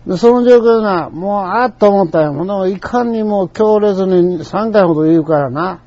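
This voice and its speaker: An older man with a Kansai accent recounts a personal anecdote in a chatty, digressive way. His voice sits a little high yet sounds soft and mellow. The recording is dull and lo-fi. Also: moderate pace, no echo. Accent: Kansai Japanese. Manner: chatty storyteller, colloquial and digressive.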